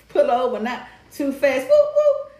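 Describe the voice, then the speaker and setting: Woman in her 50s doing a police siren and bullhorn, high whooping wail, barked pull-over commands, echoey room. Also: wildly swooping pitch, slow, dark tone, slight background noise, heavily acted. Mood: mock warning. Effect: mimicked siren wail with bullhorn commands. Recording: roomy echo.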